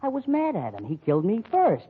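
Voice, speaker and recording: A man's voice: sits high, brisk. A man doing a whispering escaped lunatic. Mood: creepy. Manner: whispering, deadpan. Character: whispering escaped male lunatic posing as nurse. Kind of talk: 1940s radio comedy acting. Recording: lo-fi old radio broadcast, hiss.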